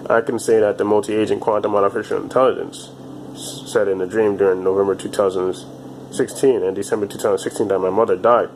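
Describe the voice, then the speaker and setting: Low-voiced young man repeating himself. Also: little pitch movement, darkish tone, slight background noise, poor audio. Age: 20s. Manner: halting and repetitive, restarting phrases. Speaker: vlogger. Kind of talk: casual monologue to camera.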